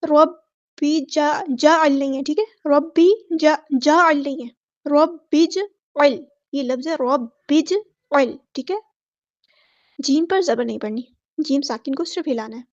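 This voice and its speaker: A tajweed teacher with an Urdu accent goes through Quran recitation rules word by word, quickly explaining each rule, then reciting the words slowly and loudly. Her voice is high, with no room sound, and the highs are cut off.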